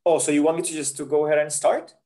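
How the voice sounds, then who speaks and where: A man's voice: on the high side, level tone, quick pace, dark tone. A man from Colombia, a career counsellor presenting an online webinar over a video call, earnest and chatty, dotting his talk with "yeah?" and "right?".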